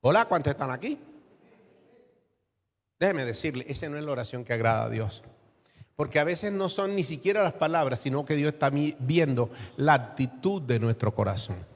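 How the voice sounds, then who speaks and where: A man's voice: medium pitch, fairly quick, in a large hall. A man preaching an emphatic, dramatic sermon and calling out to his congregation.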